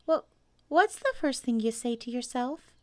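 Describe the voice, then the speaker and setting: A woman's voice: on the high side, expressive, unhurried, voice pushed up. A woman voicing a small, timid male piglet in a children's storybook, anxious and hesitant, with a slight stammer. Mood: shyly curious.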